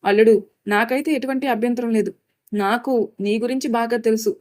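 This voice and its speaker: A woman's voice: on the high side, steady tone, normal speed, close to an everyday voice. A woman doing a kindly old village elder. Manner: warm, easygoing, reassuring. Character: kind older village man giving blessings.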